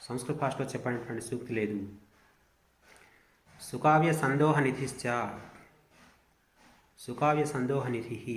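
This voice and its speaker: A man teaching Sanskrit in a lecture, reciting verse lines slowly and then explaining them at length. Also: medium pitch, reverberant.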